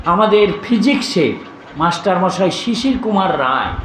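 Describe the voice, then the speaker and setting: Older male preacher, high voice, anecdotal and reproving, roomy recording with light noise. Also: animated, moderate pace, fairly bright tone. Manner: anecdotal, scolding, switching between narration and quoted voices. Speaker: monk giving a religious discourse. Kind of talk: storytelling sermon. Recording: echoey room with faint ambience.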